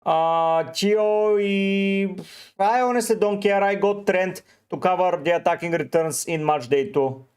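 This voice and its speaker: A man hosts a relaxed livestream, reading viewers' names and answering each one briefly. His voice sits a little high for a man and comes through smooth and clear. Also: measured pace. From Bulgaria. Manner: reads out chat names and gives short, offhand answers. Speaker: fantasy football streamer. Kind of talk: casual livestream, answering chat.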